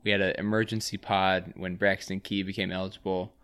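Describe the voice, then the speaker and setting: A man's voice: sits low, flat delivery, brisk, fairly bright tone, clear, resonant tone. A man in his twenties from Virginia, co-hosting a sports podcast in easygoing chat with dry asides. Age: 20s. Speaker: podcast co-host. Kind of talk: casual chat.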